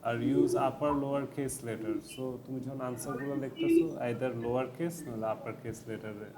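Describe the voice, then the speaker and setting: A man's voice: mid-range voice, big pitch swings, a little slow, crowd noise. Chatty male tutor. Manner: mixes English tips into Bengali explanations, loose and chatty, many fillers. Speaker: IELTS tutor. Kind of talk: casual tutoring lecture.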